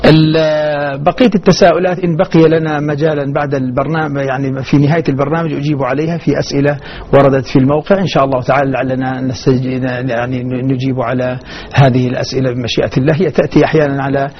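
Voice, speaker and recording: A man's voice: medium pitch, little pitch movement, rapid-fire, slight background noise. Guy teaching quran recitation on a muffled radio show, explains stuff then chants bits of verses. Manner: explains plainly, chants short verse examples. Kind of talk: radio lesson on Quran reading variants. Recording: dull muffled radio broadcast.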